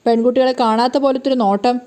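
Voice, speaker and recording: Woman reading a chatty male restaurant manager in a story, teasing, quick and a bit high. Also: fairly even intonation, warm tone, smooth, natural voice.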